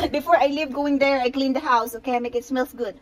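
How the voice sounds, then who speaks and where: A woman's voice: high voice, steady tone, normal speed. A woman from the Philippines, vlogging on a handheld phone at home, shaken and scared and exclaiming often. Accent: Filipino. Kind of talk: casual vlog, filmed by phone. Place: at home and just outside the house. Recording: noisy phone recording.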